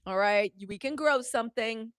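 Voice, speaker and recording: Brief: woman in her forties, live-stream host, lively and candid, talks to viewers, dry close sound. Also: a little high, normal speed, clear, resonant tone, dry recording. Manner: animated, chatty, talks straight to viewers. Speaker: host of a live news show. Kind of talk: casual live-stream commentary.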